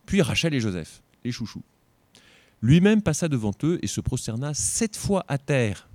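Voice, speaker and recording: A man's voice: mid-range voice, darkish tone, dry recording. A tired man teaching an informal Bible lesson, reading scripture aloud and breaking off for joking asides.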